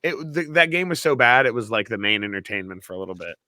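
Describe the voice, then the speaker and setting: A young man from New Hampshire, a podcast co-host, telling a story in casual chat, animated and swearing. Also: on the low side, quick pace, no echo, clean studio sound. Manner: animated, swearing, acts out quotes loudly.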